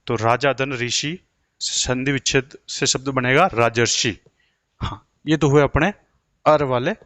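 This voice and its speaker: A man's voice: mid-range voice, fairly bright tone, no room sound. A man teaching an exam-prep grammar lesson, asking questions and answering them himself.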